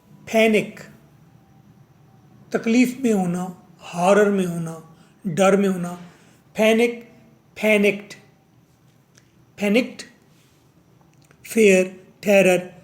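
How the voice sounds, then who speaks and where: A man's voice: high voice, steady tone, extremely slow, pauses often. A man teaching a vocabulary lesson, drilling words over and over and answering his own questions.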